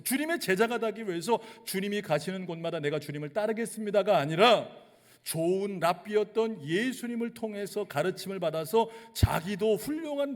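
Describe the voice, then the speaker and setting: A male pastor from delivering a sermon to his congregation and leading them through call-and-response readings. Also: sits high. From Chungcheong region, South Korea. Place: church sanctuary. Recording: long church hall reverb.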